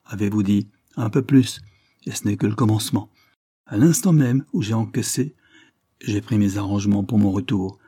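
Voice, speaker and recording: A man voicing a frank, hearty retired colonel, older, in an audiobook reading, with an emphatic, lively delivery. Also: lowish voice, slightly rough, no echo, clean studio sound.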